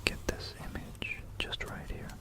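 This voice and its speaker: Speaking close to a binaural stereo mic, this ASMR creator keeps to an unhurried, soft, unvoiced whisper. The clip blends read-aloud passages with relaxed, thoughtful side comments.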